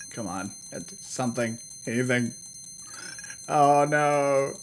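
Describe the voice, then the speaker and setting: Slow-paced man muttering through a video game. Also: medium pitch, slight background noise, poor audio. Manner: muttering to himself, hesitant, thinking aloud. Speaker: gamer, host of a let's play. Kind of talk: casual game commentary, reading on-screen text aloud. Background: retro video game music.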